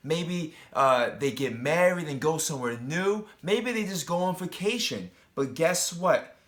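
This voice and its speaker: Here a teacher reads a picture book to a group of young children, chatting with them along the way and asking them questions directly. His voice is a little high and expressive, and he takes it a bit slowly.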